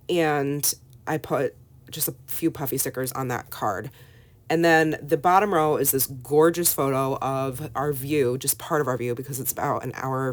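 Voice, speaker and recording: A middle-aged woman talks through a casual home voiceover in a very deep, low voice. She sounds sick and hoarse. Her delivery is relaxed and chatty, with plenty of "um" and "like". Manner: chatty, relaxed with many fillers. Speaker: scrapbooking vlogger.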